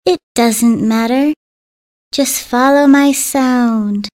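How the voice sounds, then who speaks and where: A woman doing a shy little storybook snake. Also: darkish tone. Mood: gentle. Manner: low, shy and slow. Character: small shy kind male snake.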